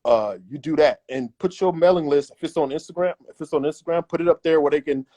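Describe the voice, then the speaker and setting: A man's voice: a little high, fast talker, warm tone. A man as an interview guest giving emphatic, repetitive advice in a casual chat. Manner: emphatic and repetitive, acts out imagined voices.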